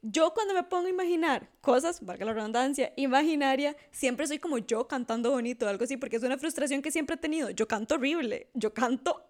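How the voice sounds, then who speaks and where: A young Costa Rican woman co-hosting a casual podcast. Her voice is high and bright, and she talks in a playful, self-deprecating style full of local slang. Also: fast, hardly any pauses. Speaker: podcast co-host. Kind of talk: casual chat.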